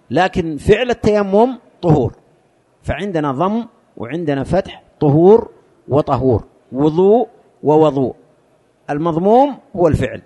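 A man teaching a religious lesson, explaining slowly and repeating key words for emphasis. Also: on the high side, mellow.

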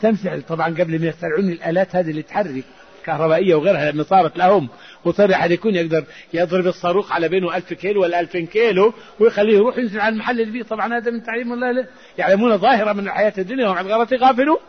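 A man's voice: sits high, husky. A man giving a religious lesson as an Islamic scholar, fervent, with raised emphatic outbursts. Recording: dull lo-fi recording.

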